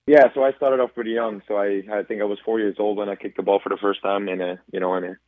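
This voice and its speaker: A young Belgian soccer player, in his twenties, fields radio interview questions on a tinny phone line. He's thoughtful, though he ums and restarts a lot. His voice is lowish and level, moving at a quick pace, with no room sound.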